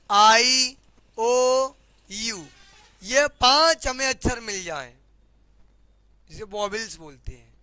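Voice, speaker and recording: A man's voice: very high-pitched, pushed and bright, clean tone, no room sound. A man with a Hindi accent teaching English grammar in a classroom lesson, often repeating questions to his students.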